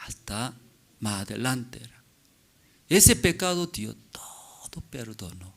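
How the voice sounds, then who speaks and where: A man preaching a sermon in a church, telling a story and asking the congregation rhetorical questions, with halting non-native phrasing. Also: medium pitch, sing-song, gravelly, a bit bright. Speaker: pastor.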